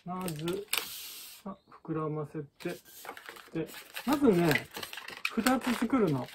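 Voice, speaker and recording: A man's voice: high voice, animated, takes it slowly, noisy background. A man teaching balloon art in a chatty, casual way and laughing often. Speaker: balloon artist. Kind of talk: casual tutorial chat.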